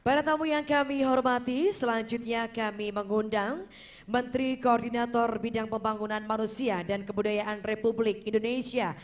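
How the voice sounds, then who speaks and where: A woman emcee introduces the next guest at a ceremony. Her voice sits fairly high, and her delivery is polite and formal. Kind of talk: formal announcement.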